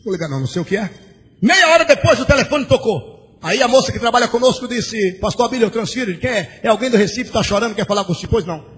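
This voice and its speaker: A pastor preaching a sermon, shouting bursts and a sing-song cadence as he acts out conversations, in an old church recording. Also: very high voice, fast talker, faint music behind. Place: large church. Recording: old church recording with long hall reverb and faint hiss.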